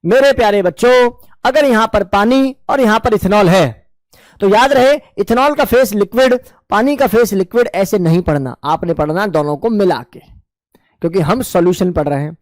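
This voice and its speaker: A man's voice: high voice, moderate pace, no echo. A man teaching a chemistry class in with English terms mixed in, asking his students questions and answering them himself in a coaxing, affectionate way. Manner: mixes English terms into Hindi. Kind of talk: classroom lecture.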